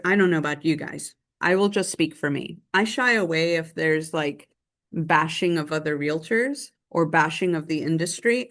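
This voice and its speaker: A woman running a real estate training session on a call, chatty and encouraging, full of "like" and "um". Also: on the low side. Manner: chatty, filler-heavy, encouraging. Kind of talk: live group training session. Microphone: online call.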